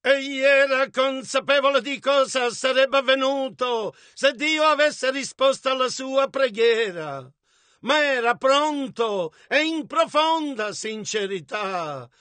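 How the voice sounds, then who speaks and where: A man interpreting a sermon phrase by phrase, emphatic and echoing the preacher's shouts. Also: extremely high pitch, slow pace.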